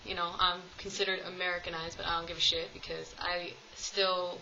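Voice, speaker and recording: Rambling through a casual tag video with lots of ums, this American woman in her twenties films at home among her cats. She talks a little fast in a fairly low, level voice with a bright, forceful edge, and the audio's highs are cut off.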